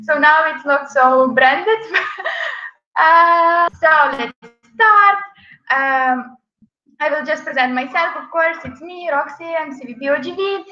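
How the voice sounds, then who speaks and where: A woman's voice: sits high, slow, bright, forceful tone, faint music behind. A young woman presenting a casual online webinar, chatty, with many fillers and frequent laughs. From Ukraine. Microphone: video call. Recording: echoey, dull video call audio.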